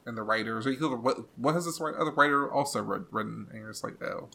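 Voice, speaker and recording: A man's voice: medium pitch, quick pace, vocal fry, bright, forceful tone. A man co-hosting a podcast in casual chat, rambling with lots of restarts and filler. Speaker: podcast co-host.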